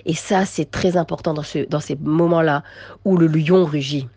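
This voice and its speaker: A woman's voice: sits low, steady tone, normal speed, breathy edge, no echo. Emphatic woman giving religious encouragement. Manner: emphatic, repeats phrases, swings between soft and raised. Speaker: religious teacher addressing women. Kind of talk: inspirational religious talk.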